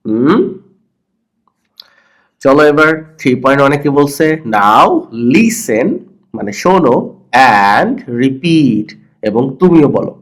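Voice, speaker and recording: A Bangladeshi man teaching English to children with a cold, repeating words slowly and saying the first syllable loudly and the rest softly. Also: medium pitch, animated. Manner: playful teasing of pupils. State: has a cold. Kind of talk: slow explanatory lesson for children.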